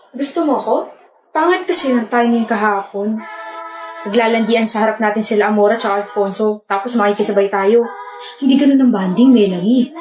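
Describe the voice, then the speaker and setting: A woman's voice: fairly high pitch, reverberant. A woman performing a comedy skit, bickering and sulking in scripted banter. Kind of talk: acted comedy skit dialogue.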